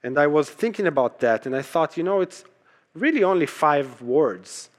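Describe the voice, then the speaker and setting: A native Hebrew-speaking pastor preaches to his church in a conversational, emphatic sermon style, repeating key phrases and posing rhetorical questions. His voice is on the high side with lively intonation at normal speed.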